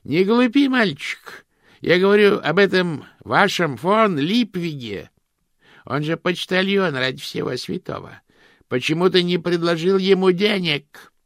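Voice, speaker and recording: A man voicing a spiteful, domineering older woman who scolds in a shrill voice. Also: expressive, measured pace, dry recording, studio quality. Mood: indignant.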